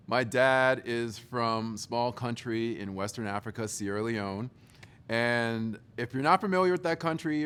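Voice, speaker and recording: A man giving a motivational talk to young leaders, telling a story in an animated, joking way. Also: medium pitch, clear, resonant tone. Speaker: speaker.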